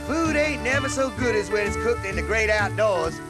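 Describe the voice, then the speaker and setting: A man's voice: high voice, lively intonation, normal speed, loud music behind the voice. A man voicing a boisterous, folksy gopher father. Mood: hearty. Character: loud folksy gopher dad.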